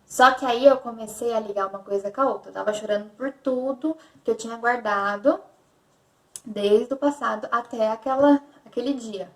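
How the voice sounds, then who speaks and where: A woman's voice: fairly high pitch, normal speed, distant mic. A young woman from Brazil, a vlogger telling a personal story candidly and repeating words as she goes. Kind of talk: personal confessional vlog. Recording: echoey room, voice off-mic.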